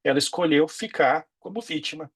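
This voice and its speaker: A man's voice: on the high side, moderate pace, a bit bright, slightly rough. A man gives a reflective spiritual lecture, asking rhetorical questions and often checking in with his listeners. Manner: reflective, asks rhetorical questions, frequent tag questions.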